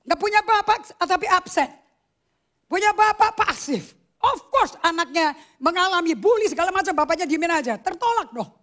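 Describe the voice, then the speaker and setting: Woman pastor, very high voice, animated, emphatic sermon, slips in English phrases. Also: moderate pace.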